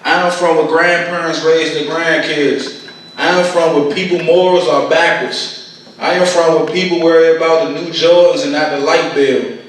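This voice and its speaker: A guest poet and speaker from Washington DC addresses a conference audience, reciting a poem and sharing personal testimony in plain, colloquial storytelling. His voice is a little high and level, at normal speed. He is recorded from a distance in a very echoey venue with faint noise.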